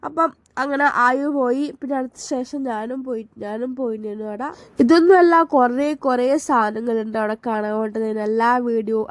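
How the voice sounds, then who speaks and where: Malayali woman, high voice, chatty vlog voice-over, dry close sound. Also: dry recording. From Kerala. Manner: chatty and enthusiastic, with frequent restarts. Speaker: family vlogger. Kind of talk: casual voice-over narration.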